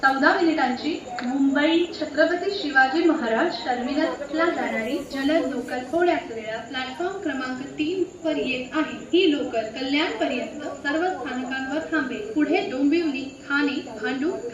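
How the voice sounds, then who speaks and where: A woman with an Indian accent making a train station loudspeaker announcement in a slow, measured way. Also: sits high, noisy background. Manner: slow, measured, evenly spaced wording. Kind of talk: recorded public announcement. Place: railway station platform. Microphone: recorded from a distance on the platform. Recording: echoey, muffled loudspeaker heard from far off.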